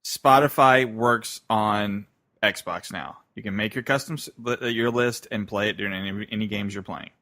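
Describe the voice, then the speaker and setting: A man's voice: fairly low pitch, normal speed, sharp tone, no echo. A man co-hosting a gaming podcast, chatting casually with dry, wry asides. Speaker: podcast co-host. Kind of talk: casual chat.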